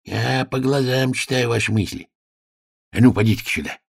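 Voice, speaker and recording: A man voicing a vain, capricious, suspicious little male king in an audiobook drama, with a husky low voice. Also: moderate pace, no echo, clean studio sound.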